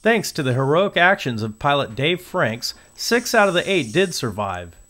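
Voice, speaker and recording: A man giving scripted documentary narration in a steady, informative way. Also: a little high, moderate pace. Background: music.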